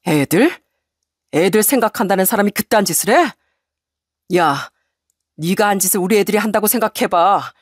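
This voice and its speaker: A woman voicing a resolute husband who answers his wife in a cold, measured, firm tone. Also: mid-range voice, lively intonation, husky, dry recording, studio quality. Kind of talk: story radio reading.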